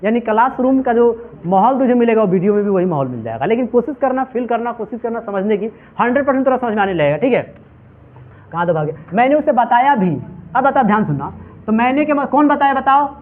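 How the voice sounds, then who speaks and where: Man, teacher, very high voice, drills the class with repeated questions, thin phone-like sound. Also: animated, fast. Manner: repetitive call-and-response questioning; addresses students as "my children". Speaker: English teacher. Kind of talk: classroom lecture. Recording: tinny phone-like audio.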